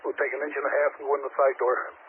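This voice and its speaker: A man's voice: medium pitch, level tone, rapid-fire. A male fire incident commander giving directive, step-by-step orders to crews over a two-way radio. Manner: directive, instructional. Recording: tinny radio channel with faint noise.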